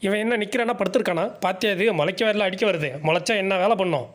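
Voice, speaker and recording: A man's voice: high voice, fast talker, fairly bright tone. A man doing comic, teasing voice-overs for animals in a bantering, cartoonish way. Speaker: comedy voice-over creator. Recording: noisy background.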